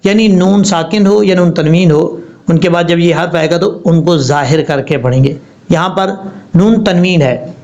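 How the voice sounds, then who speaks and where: A man's voice: fairly high pitch, darkish tone, highs cut off. A man teaching Quran recitation rules in a patient lesson, spelling out letters and asking and answering his own questions. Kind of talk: tajweed lesson explaining rules step by step.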